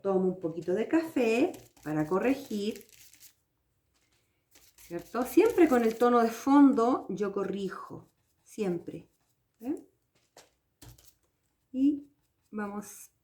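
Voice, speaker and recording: Slow, patient woman teaching crafts. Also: mid-range voice, very animated, mellow. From Chile. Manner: patient, step-by-step, checks in with viewers. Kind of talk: hands-on craft tutorial.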